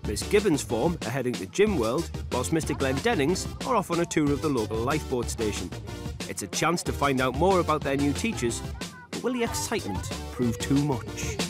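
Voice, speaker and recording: A man's voice: mid-range voice, big pitch swings, fairly quick. Wry male narrator over music. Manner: wry, gently teasing. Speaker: documentary narrator. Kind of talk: scripted narration. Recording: voice-over under loud background music.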